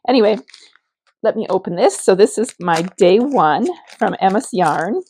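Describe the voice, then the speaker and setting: A woman's voice: medium pitch, animated, moderate pace, a little mellow, slight background noise. A woman in her forties chatting casually in a vlog recorded as a phone video, meandering and thinking aloud as she talks. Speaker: knitting vlogger. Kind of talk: casual morning vlog chat. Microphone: phone camera.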